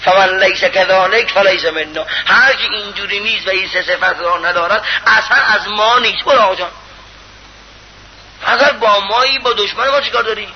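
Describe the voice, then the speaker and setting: A man preaching a sermon in an impassioned, pleading way, swinging between loud appeals and hushed lines. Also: high voice, few pauses. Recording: muffled lo-fi recording with faint hiss.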